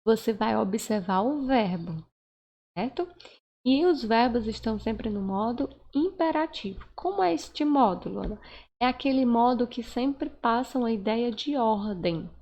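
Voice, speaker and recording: Brief: woman teacher, slow careful delivery, fry in the voice, keeps checking that students follow. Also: on the high side, lively intonation, a little mellow, muffled recording, slight background noise. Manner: slow, patient, checks in with "né?" and "certo?"; acts out example sentences with raised, stretched intonation. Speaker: Portuguese teacher. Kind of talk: recorded online grammar lesson.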